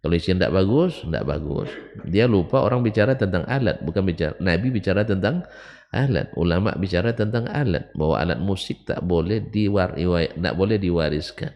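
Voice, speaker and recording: Man, middle-aged, religious lecturer, very lively pitch, long reverberant hall. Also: a little fast. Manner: conversational, recounts anecdotes with emphatic rising bursts. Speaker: Islamic teacher.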